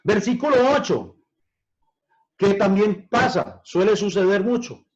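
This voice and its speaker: High-voiced man teaching scripture, lo-fi. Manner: addresses listeners directly as brothers, asks questions; stretches key words slowly for emphasis. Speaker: pastor. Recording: dull lo-fi recording.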